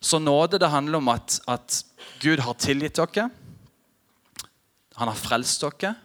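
A male pastor preaching a sermon, reading scripture and speaking to his congregation, now lively and emphatic, now soft and intimate. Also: fairly high pitch.

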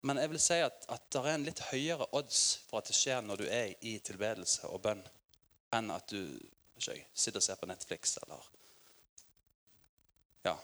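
A Norwegian man in his forties preaching a sermon in a church, telling stories with lively energy and laughter. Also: fairly low pitch, pauses often. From Norway. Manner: lively storytelling with laughter, acted quotes.

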